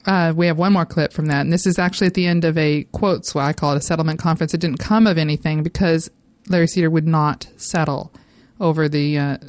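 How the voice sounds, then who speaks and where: A woman's voice: sits low, fairly even intonation, quick pace, darkish tone, dry recording. A woman co-hosting a casual chat, explaining the plot at length. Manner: chatty, explains plots at length. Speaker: podcast co-host.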